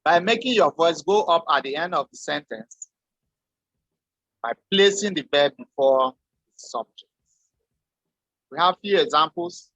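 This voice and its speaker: A man teaching a French lesson, explaining slowly and deliberately with spoken examples. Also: fairly high pitch, lively intonation, fairly bright tone, no echo. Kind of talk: lecture.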